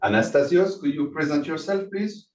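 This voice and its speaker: A man hosting and lecturing an online class, friendly and halting with many restarts, on a video call. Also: on the high side, animated, a little mellow. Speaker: course lecturer and host. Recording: distant, roomy, dull video call audio.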